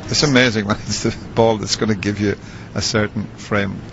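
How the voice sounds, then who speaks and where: Male snooker commentator, low register, understated and measured delivery, lo-fi noisy TV sound. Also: fairly even intonation, creaky. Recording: dull, noisy TV broadcast audio.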